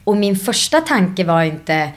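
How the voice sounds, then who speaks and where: A woman actress in a casual interview, reflective and animated as she tells stories, dropping in English phrases. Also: mid-range voice. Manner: drops English phrases into her speech. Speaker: actress guest.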